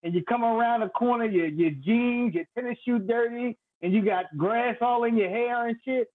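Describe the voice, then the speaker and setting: A man calling in over a crackly, staticky phone line, talking in an animated, playful, trash-talking way. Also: very high voice, moderate pace. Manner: animated, loud and playful, vivid street storytelling. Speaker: guest predicting a boxing fight. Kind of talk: casual trash-talking chat. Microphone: cheap phone.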